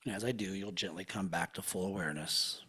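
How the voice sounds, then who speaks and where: A man with a deep, slightly husky voice talks a client through a hypnosis session. He keeps it slow, soft and soothing, easing into near-whispers as he guides.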